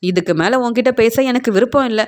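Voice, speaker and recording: A stern older family head who scolds firmly and will not back down, read by a woman in her own rather high voice. His tone is set and reproving. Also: brisk, darkish tone, lightly acted. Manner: firm, scolding.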